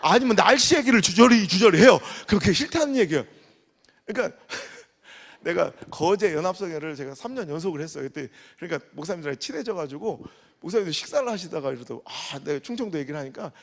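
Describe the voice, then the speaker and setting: High-voiced preacher in a reverberant hall. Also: male voice, quick pace, creaky. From Korea. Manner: animated storytelling, acts out dialect dialogue, swings from soft to loud. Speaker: pastor. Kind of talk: revival sermon. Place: large church sanctuary. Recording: long church hall reverb.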